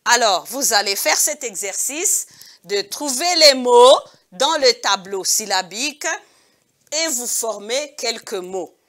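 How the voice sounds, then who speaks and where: Female kindergarten teacher, very slow and patient, bright tone, repeats each word twice for small children. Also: fairly high pitch, expressive. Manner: addresses pupils as "mes amis". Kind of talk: recorded video lesson for young children.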